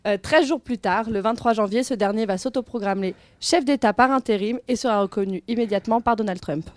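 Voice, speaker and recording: Young woman reading a clear news summary. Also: a little high, fairly quick, dry recording. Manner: steady, informative delivery. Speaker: student radio presenter. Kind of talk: read explanatory segment.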